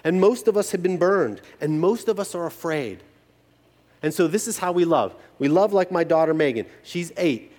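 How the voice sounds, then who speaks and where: A man preaching a sermon as pastor, telling stories with emphasis and humor. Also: fairly high pitch. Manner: animated, emphatic storytelling with humor. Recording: long hall reverb.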